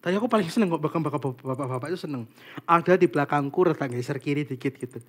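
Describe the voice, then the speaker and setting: A man's voice: a little high, fast. A young man giving a casual, chatty sermon to a small church group, tossing in friendly asides to his listeners. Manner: chatty, animated, peppers talk with "guys" and "kayak gitu".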